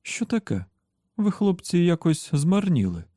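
A playful young woman with a raised, lilting voice, put on by a man reading an audiobook. She talks in a chatty, teasing way, sounding warm and close on a dry recording. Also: high-pitched, sing-song, a little slow, dry recording, pitched above the performer's own voice, full character voice. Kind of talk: audiobook character voice.

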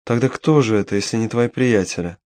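A man's voice: mid-range voice, fairly quick, a little mellow, dry recording, lightly acted. A man voicing a furious, vengeful young demoness noblewoman who speaks with spite and menace. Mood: angry, gloating.

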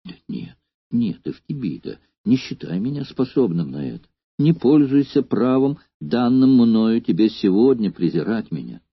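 A man's voice: mid-range voice, sing-song, moderate pace, breathy edge, dry recording. A man voicing a huge, hot-tempered Germanic warrior who begs his beloved's forgiveness, in an audiobook reading. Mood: imploring. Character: remorseful giant Germanic warrior, hot-tempered but loving. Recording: dull lo-fi dry recording.

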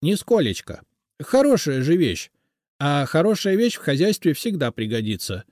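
A man's voice: fairly high pitch, sing-song, normal speed, darkish tone, no room sound, studio quality, pitched above the performer's own voice. A man voicing a small, humble male house spirit who talks in a mumbling, deferential way in an audiobook. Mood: earnest.

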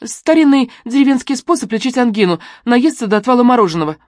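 A woman's voice: a little high, lively intonation, quick pace, darkish tone, dry recording, studio quality, pitched above the performer's own voice, close to an everyday voice. A woman reading an audiobook and voicing a defiant young woman who challenges sharply and edges toward hysteria. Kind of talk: audiobook dialogue.

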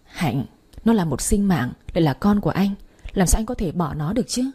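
A woman voicing a soft-spoken young male heir who pleads in a hushed, low voice, her own voice husky. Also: lively intonation, a little fast. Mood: pleading.

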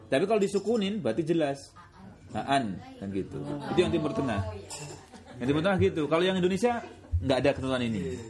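A man teaching Quran recitation rules in a casual classroom way, often slowing down to demonstrate sounds in a drawn-out voice. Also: on the high side, a crowd in the background. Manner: relaxed, repeats filler words often.

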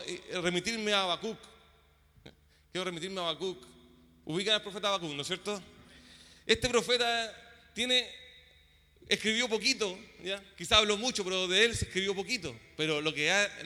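A man's voice: sits high, pushed and bright. A man giving a sermon in a church hall, speaking informally with many fillers and often asking "¿ya?" to check that the congregation is following. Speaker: worship leader.

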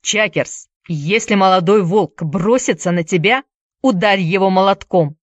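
A woman's voice: medium pitch, a little slow, no echo, studio quality, close to an everyday voice. A woman doing a curt, commanding boy leader.

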